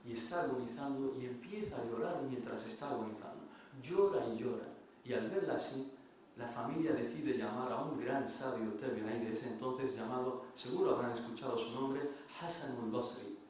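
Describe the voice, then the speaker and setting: A man's voice: mid-range voice, normal speed, darkish tone, slight background noise. A man giving a religious lecture, telling stories earnestly and often repeating or restarting phrases. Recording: very echoey room, mic far off.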